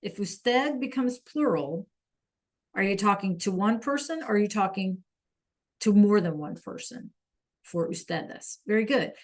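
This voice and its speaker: A woman's voice: medium pitch, expressive, a little slow. A woman teaching a Spanish lesson online, patiently checking in with her students and praising answers from the chat.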